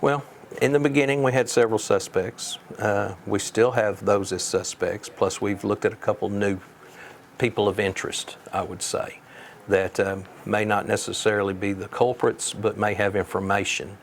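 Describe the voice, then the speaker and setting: Male law officer interviewee, measured and folksy, flat delivery, faint noise on the recording. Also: on the low side, creaky. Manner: plain-spoken, folksy. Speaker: sheriff being interviewed.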